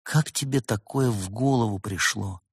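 Man voicing a stern male animal brother, sardonic, dry, husky tone, storybook reading. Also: on the low side, moderate pace, dry recording.

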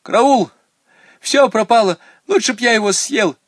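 A man voicing a gloomy, clumsy male clown pupil who talks loudly and plaintively. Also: mid-range voice, slow, dry recording, clean studio sound, natural voice. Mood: alarmed.

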